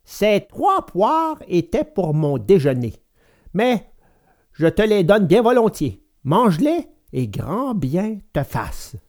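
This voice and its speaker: A woman voicing a patient, kindly old woodcarver in a storybook reading, slow and gentle, giving little lessons. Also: mid-range voice, big pitch swings. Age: older.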